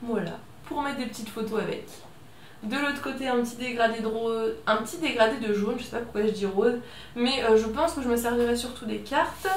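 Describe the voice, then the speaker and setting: A high-pitched woman chatting through a craft haul at home, chatty and self-mocking, full of little fillers. Her voice sits a little back from the mic in an echoey room, with a faint hiss underneath. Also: fairly quick, far from the mic. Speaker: scrapbooking vlogger. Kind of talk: casual haul video chat.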